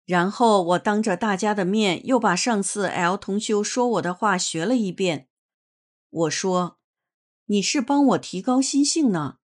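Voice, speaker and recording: Woman narrator, unhurried, earnest read-aloud testimony, mid pitch. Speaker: reader of a personal testimony.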